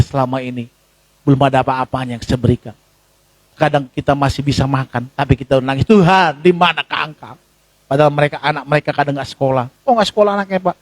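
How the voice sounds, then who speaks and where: A male pastor preaching a sermon in a conversational, animated way, jumping to high exclamations and dropping to low asides as he addresses the congregation. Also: no echo. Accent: Indonesian. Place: church.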